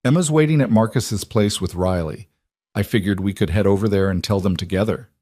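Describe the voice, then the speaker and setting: A man's voice: lowish voice, fairly quick, mellow, no echo, clean studio sound, lightly acted. A man as a tender, nervous suitor. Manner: earnest, tender. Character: nervous, heartfelt man proposing to partner.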